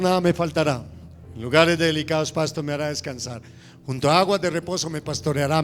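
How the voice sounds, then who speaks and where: A middle-aged man preaching a sermon in a church, swinging from loud preaching to soft confiding asides. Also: a little high. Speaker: pastor.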